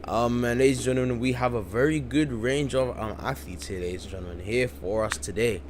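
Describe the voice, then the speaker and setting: A man in the UK streams commentary on a game event from home late at night, worn out yet hyped, looping back on the same lines and leaning on "you guys." He talks a little fast in a medium pitch, with noise in the background.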